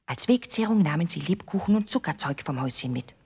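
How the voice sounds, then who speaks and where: A woman narrating a fairy tale in a measured, expressive storybook reading. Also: low voice, breathy edge.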